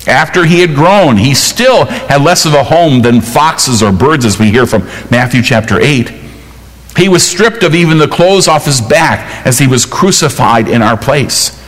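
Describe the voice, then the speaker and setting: A man preaching a sermon in an earnest, measured way, quoting scripture as he goes. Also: medium pitch, expressive, a bit bright, big-room sound, poor audio. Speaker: pastor.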